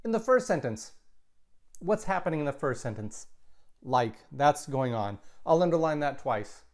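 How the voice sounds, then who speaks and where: A man teaching a recorded grammar lesson, explaining slowly and patiently, sometimes correcting himself mid-sentence. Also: fairly high pitch, lively intonation, darkish tone. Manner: slow, patient explaining with self-corrections and asides. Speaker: Latin teacher.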